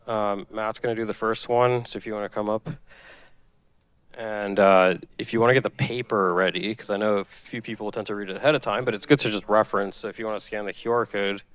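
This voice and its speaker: A man's voice: fairly low pitch, fairly even intonation, brisk, a bit bright, clean tone. A man hosting a meetup, casually giving housekeeping notes and introducing speakers to the audience.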